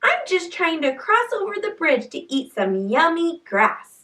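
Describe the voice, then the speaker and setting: A woman voicing a tiny, timid young billy goat with a squeaky, pleading voice in a children's storybook. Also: big pitch swings, measured pace, pushed and bright, distant mic, full character voice. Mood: scared pleading.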